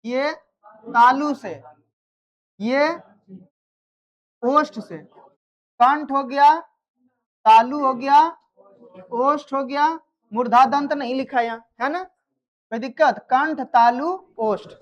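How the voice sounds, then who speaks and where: High-voiced woman teaching grammar. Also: slow, pauses often. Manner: quizzes students, repeats answers, checks understanding. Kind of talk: live classroom lesson.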